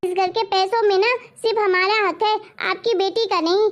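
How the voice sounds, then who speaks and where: A woman playing a sharp-tongued young daughter-in-law who talks back defiantly, in a family drama. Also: extremely high pitch, steady tone, moderate pace. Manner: bossy, defiant.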